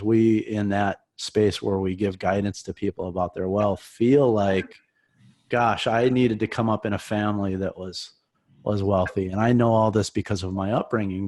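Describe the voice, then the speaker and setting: A man's voice: fairly low pitch, darkish tone. A man interviewing his former student, talking in an upbeat, encouraging way. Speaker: mentor and interviewer. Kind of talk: enthusiastic interview.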